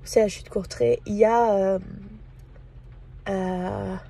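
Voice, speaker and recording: A woman from France talking casually to camera in a personal vlog, hesitant and full of pauses and fillers. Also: mid-range voice, steady tone, vocal fry, warm tone, a little hiss or hum. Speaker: vlogger.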